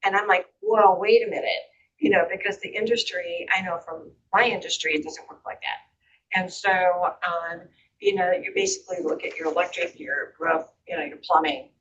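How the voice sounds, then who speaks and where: A woman's voice: lowish voice, normal speed, a bit bright. A woman speaking in a meeting discussion, thinking aloud in a roundabout way with frequent "you know". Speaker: committee member asking questions. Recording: distant, dull, faintly noisy meeting audio.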